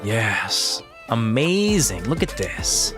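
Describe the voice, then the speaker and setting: Talking slowly in a sing-song, lowish voice over music, this gaming video creator and streamer in his thirties offers rambling, casual gameplay commentary. He exclaims a lot, uses slang, and keeps saying "dude."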